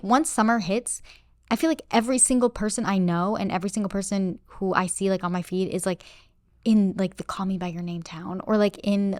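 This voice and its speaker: A woman's voice: medium pitch, dry recording, studio quality. A young woman co-hosting a podcast, chatting casually and rambling with lots of fillers. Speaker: podcast co-host. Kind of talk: casual chat.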